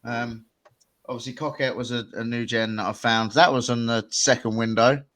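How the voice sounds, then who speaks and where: A man's voice: mid-range voice, fairly even intonation, normal speed, a bit bright. A young man co-hosting a podcast, chatting in a laid-back, jokey way. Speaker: podcast co-host. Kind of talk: casual chat.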